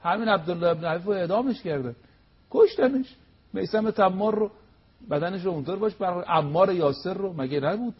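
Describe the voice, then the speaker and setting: Husky emphatic male preacher. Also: high-pitched, dull audio. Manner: emphatic, rhetorical questions. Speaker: cleric guest on religious TV program. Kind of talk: preaching religious talk.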